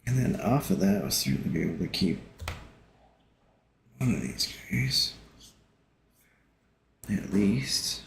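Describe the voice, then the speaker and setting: A man's voice: sits low, very animated, takes it slowly, vocal fry, pauses often. A man casually thinking aloud while he sketches, musing and hesitant as he talks to himself. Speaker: artist streaming a drawing session. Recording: roomy echo with faint noise.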